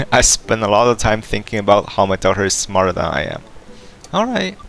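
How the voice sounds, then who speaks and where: A man's voice: fairly low pitch, big pitch swings, moderate pace, creaky, a bit bright. A man playing a dating game, casually reading its text aloud and stumbling over words now and then. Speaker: let's play gamer.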